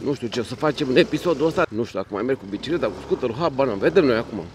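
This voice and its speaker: A man giving casual running commentary from his bike on city streets, loud and blunt, swearing freely at other road users. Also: mid-range voice, expressive. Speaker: cycling vlogger. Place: outdoors on city streets in traffic.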